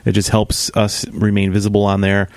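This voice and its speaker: A man's voice: on the low side, monotone, moderate pace, clean tone, no echo. A man co-hosting a comedy podcast who jokes bluntly and swears casually.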